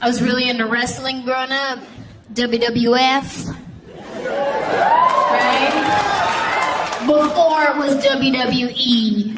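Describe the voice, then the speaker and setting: A young woman performing a stand-up comedy set, telling stories in an animated way and shouting out voices. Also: high voice, slow pace, long pauses. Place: comedy stage before a laughing audience. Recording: live stage audio with crowd noise.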